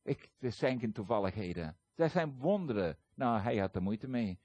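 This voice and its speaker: A man's voice: lowish voice, normal speed, dry recording, lo-fi sound. A man giving a sermon as a guest preacher, talking conversationally with hesitations and acting out the voices he quotes. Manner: animated storytelling, acts out quoted voices.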